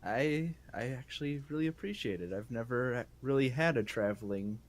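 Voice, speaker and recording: Male tabletop player speaking in character, mid-pitched, gentle and a little hesitant. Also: moderate pace.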